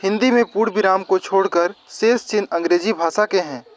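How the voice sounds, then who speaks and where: Guy teaching grammar for exams, fairly high voice, repeats stuff step by step. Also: a little fast. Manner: explains step by step, repeats definitions. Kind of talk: exam-prep grammar lesson.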